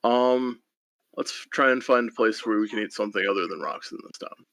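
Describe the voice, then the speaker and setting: A man's voice: lowish voice, fairly quick, gravelly, a bit bright, no room sound. A man playing a tabletop game, talking casually and hesitantly with many fillers. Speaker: player.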